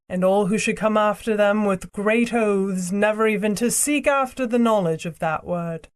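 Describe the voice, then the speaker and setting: A woman voicing a proud, cruel ancient queen and sorceress in an audiobook, speaking in a slow, imperious, theatrical way. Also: medium pitch. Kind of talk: audiobook character reading.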